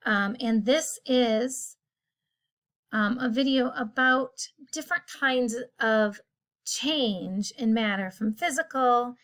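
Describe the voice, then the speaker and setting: A woman's voice: on the high side, takes it slowly, fairly bright tone. A woman teacher casually explaining a science lesson, often rephrasing as she goes. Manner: casual, explanatory, self-correcting.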